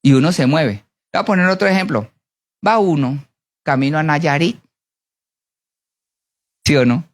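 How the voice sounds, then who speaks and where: A preacher giving a sermon, animated, often asking the congregation to answer yes or no. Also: a little slow, long pauses. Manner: animated, with big swings in pitch and pace.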